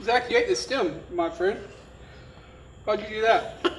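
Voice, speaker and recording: A male host talks casually in a high voice, his mouth burning from spicy food. He sounds set back from the mic in a very echoey room, with faint noise around him. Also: a little slow, recorded from a distance. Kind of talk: casual chat.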